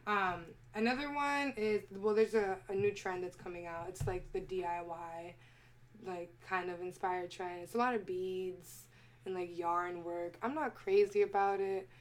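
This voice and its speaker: A woman's voice: on the low side, steady tone, unhurried. A young woman talking casually as a podcast guest, opinionated and emphatic, laughing often. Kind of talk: casual chat.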